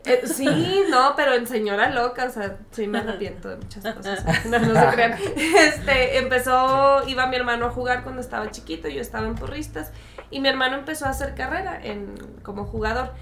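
Lively woman telling stories. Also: sits high, a little fast, reverberant, a crowd in the background. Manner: lively storyteller, laughs often. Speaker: podcast co-host. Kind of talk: casual chat.

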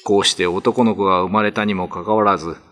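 For a radio drama, a man narrates a classical ghost story in a theatrical, ominous, scripted style, with music in the background. His lowish voice is a bit bright, and he talks fast with fairly even intonation.

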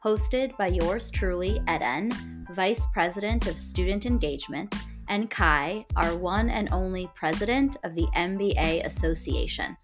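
A woman's voice: fairly low pitch, unhurried. A woman co-hosting a student podcast, giving an upbeat scripted introduction. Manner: upbeat, announcing. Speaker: podcast co-host. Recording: music bed behind the voice.

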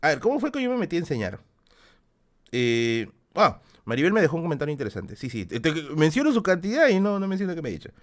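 Chatty Peruvian streamer, lively pitch. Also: male voice, fast talker. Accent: Peruvian Spanish. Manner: chatty and self-deprecating, reads out donations and comments. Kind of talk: casual late-night livestream chat.

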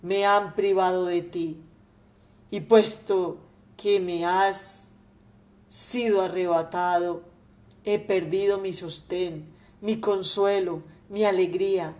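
A woman's voice: on the low side, fairly even intonation, slow pace, a little mellow. A woman voicing an old miserly father who rages and wails over his lost money, in shrieking, desperate outbursts. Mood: despairing.

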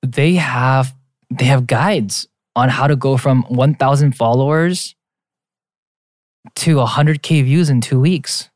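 A young adult man in his late twenties co-hosts a podcast at a slow pace, his mid-range voice casual, playful, and teasing toward his co-host as he reads out lists. The studio sound is clean, with no room sound.

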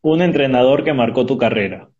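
This man speaks at a medium pitch with a darkish tone, interviewing over a choppy video call by asking short, direct questions in rapid succession with filler pauses. The remote call audio sounds dull and lo-fi, breaking up over a weak connection.

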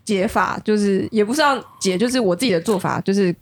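Taiwanese Mandarin woman, podcast co-host; husky, fast, earnest. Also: medium pitch. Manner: earnest, thinking aloud with fillers. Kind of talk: casual chat.

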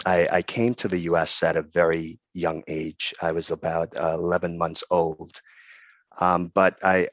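A middle-aged man with a very low, deep voice answers interview questions in an earnest, halting way. He pauses often and restarts his sentences. The sound is close and dry, with no room around it. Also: no echo. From Dominican Republic. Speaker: interview guest. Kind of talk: casual interview.

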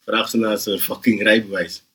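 A young man, telling an animated, slang-heavy story on a casual podcast and often laughing. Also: fairly low pitch, normal speed, background noise. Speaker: podcast host.

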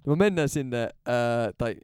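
A young man hosting a podcast, telling stories in animated casual chat with sudden loud excited bursts and swearing. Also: mid-range voice, clean tone, no room sound. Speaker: podcast host.

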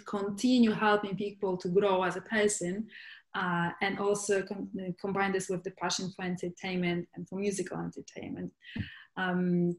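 A woman from Poland speaks as a guest in a casual interview, searching for her words with frequent fillers and restarts. Her voice sits at a middle pitch and rings in a noticeably echoey room.

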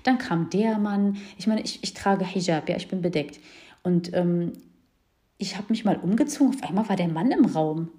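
A young woman, a new mother, frankly tells her viewers about her birth experience, pausing often with fillers. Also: on the low side, lively intonation, mellow. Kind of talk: casual personal account to viewers.

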